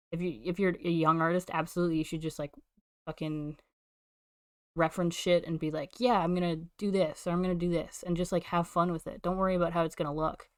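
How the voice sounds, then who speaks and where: A woman's voice: low voice, dry recording, clean studio sound. A young woman streaming from her room, chatting casually with viewers and swearing a lot while she draws. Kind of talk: casual live-stream chat while drawing. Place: home room. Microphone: desk microphone.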